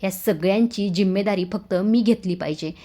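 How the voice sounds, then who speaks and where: A woman's voice: mid-range voice, fairly quick, dark tone, natural voice. A woman voicing a stern, self-blaming husband in a retold TV serial, speaking in a heavy tone. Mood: self-reproach. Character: stern guilt-ridden husband, adult man.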